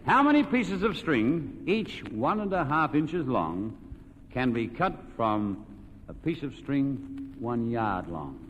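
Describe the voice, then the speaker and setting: In a vintage radio recording with hall echo, background noise and cut-off highs, a man with an Australian accent hosts an old-time quiz show. He's chatty and folksy, bantering and plugging the sponsor, his mid-range voice slow-paced with big pitch swings.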